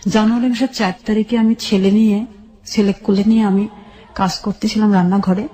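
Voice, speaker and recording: Poor audio captures a middle-aged woman, Bangladeshi in accent, giving a plain, sombre, step-by-step account of her life during a radio interview. Her medium-pitched voice is mellow and level, with a brisk pace.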